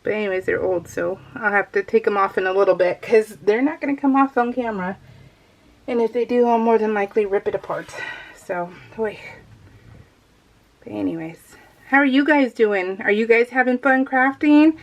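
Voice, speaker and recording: A middle-aged American woman, a crafting vlogger, narrates her craft project live while working indoors at a craft table. She chats casually and informally, rambling and poking fun at herself, in a fairly high voice at a moderate pace.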